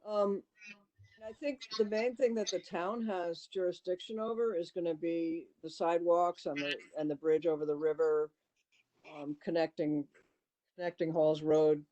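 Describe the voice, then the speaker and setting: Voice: mid-range voice, steady tone, a little slow, dark tone, muffled recording. A committee chair talking through plans at an online town meeting, thinking aloud and leaning heavily on fillers.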